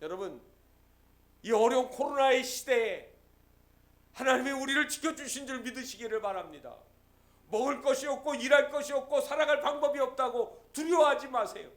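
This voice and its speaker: A man's voice: extremely high pitch, lively intonation, normal speed, a bit bright. A man preaching a Sunday sermon as pastor, quoting scripture and urging the congregation with rising emphasis. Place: church sanctuary.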